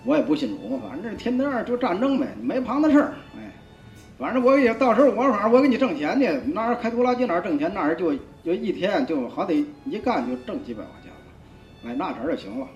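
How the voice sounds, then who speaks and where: Faint music plays in a roomy, dull-sounding recording of a church member in his 50s sharing his spoken testimony. His voice sits high, very animated and fast, and his colloquial account rambles with frequent repeats and restarts.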